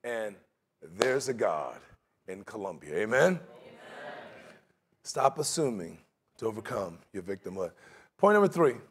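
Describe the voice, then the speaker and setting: A man's voice: lowish voice, very animated, a little slow, pauses often. A middle-aged man preaching a sermon in a large church sanctuary, talking in a conversational way and slipping into mocking voices for his examples.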